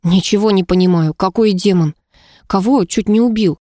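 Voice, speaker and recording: A woman's voice: mid-range voice, moderate pace, mellow, dry recording, clean studio sound, close to an everyday voice. A woman voicing a worried young friend. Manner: questioning. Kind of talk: audiobook narration.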